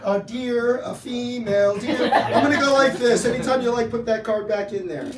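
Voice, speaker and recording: A man's voice: very high voice, normal speed. Joking party magician, man in an echoey room. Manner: party magician patter, joking, teasing volunteers. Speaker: magician performing at a birthday party. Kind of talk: live party magic act with patter. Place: indoor party room with guests. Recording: echoey room, distant mic, noisy audience. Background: guests laughing and reacting.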